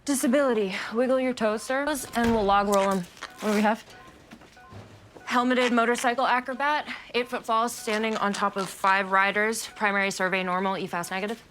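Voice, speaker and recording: An actress playing a brash young hospital resident in a naturalistic medical drama, with a blunt, sardonic, clipped delivery. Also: female voice, on the high side, steady tone, moderate pace, a bit bright, a little hiss or hum, lightly acted. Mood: brisk, focused. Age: young adult.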